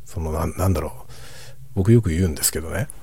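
A middle-aged man chatting casually in a hushed, soft voice, musing reflectively as if for late-night listening. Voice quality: husky, breathy low voice. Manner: reflective, musing, unhurried soft-spoken delivery. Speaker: host of a late-night chat for falling asleep.

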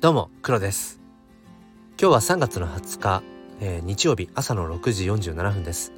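A man with a hoarse voice hosts a casual solo audio channel, thinking aloud in a hesitant way. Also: low-pitched, animated, moderate pace, over music. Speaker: host of a daily audio channel.

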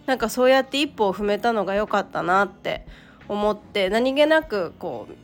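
A woman with a croaky voice, hoarse from a cold, talking casually and haltingly as the solo host of a personal podcast. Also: medium pitch, animated. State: hoarse from a cold, throat-clearing.

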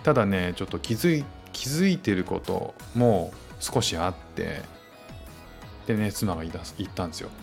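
Man in his thirties, lowish voice, gentle reflective podcast chat, faint music underneath. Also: animated, a little fast, vocal fry. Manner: reflective, gentle, many fillers and asides. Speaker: podcast host and stay-at-home dad. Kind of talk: casual spoken-word podcast monologue.

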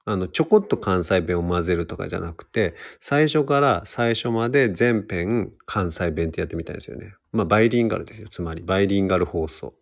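A man's voice: low-pitched, animated, fast, gravelly, hardly any pauses, highs cut off. A young man hosting a casual solo livestream radio show, chatty and self-deprecating as he answers listener comments. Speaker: radio host.

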